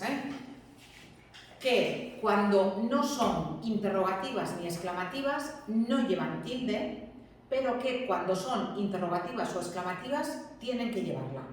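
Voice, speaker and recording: A woman's voice: mid-range voice, a little hiss or hum. A woman, a teacher giving a classroom lesson, explaining patiently and often checking that students follow. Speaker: Spanish teacher. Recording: very echoey room, distant mic.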